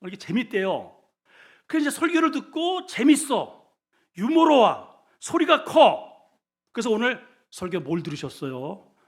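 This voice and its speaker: A male senior pastor preaching a sermon, asking the congregation questions, with sudden loud bursts and quiet low asides. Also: sing-song, a little slow. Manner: shouts often in his preaching; asks the congregation questions and has them repeat words.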